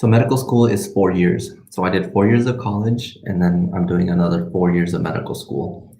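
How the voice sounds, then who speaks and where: A man in his twenties, a medical student and native Spanish speaker, hosts a live question session on his livestream, answering casually and ramblingly and trailing off mid-sentence. His voice is low and dark, brisk, with little pitch movement. The sound is roomy and echoing.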